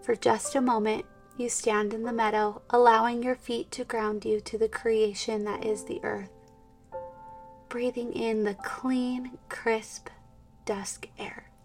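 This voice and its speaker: Soft slow woman guiding meditation. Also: fairly high pitch, flat delivery. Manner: slow, soft, soothing, drifting into whispers. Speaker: meditation guide. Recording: distant mic with soft instrumental music.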